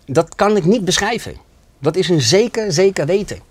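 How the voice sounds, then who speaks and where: A man's voice: high voice, animated, normal speed, breathy edge. A man giving an earnest, emotional personal testimony in an interview. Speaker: interview guest.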